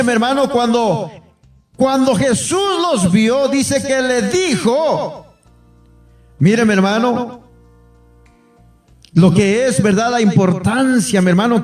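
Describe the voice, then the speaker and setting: A man's voice: high voice, a little mellow, recorded from a distance. A male pastor preaching a fervent sermon to his congregation, repeatedly calling them brothers and acting out pleas in a raised voice. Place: church hall. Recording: echoey room, off-mic, faint music.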